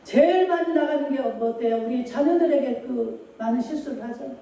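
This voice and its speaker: Preaching in a church sanctuary, a woman speaks emphatically and asks the congregation rhetorical questions. Her high voice is mellow and moves at a moderate pace. The mic sits far off in an echoey church hall.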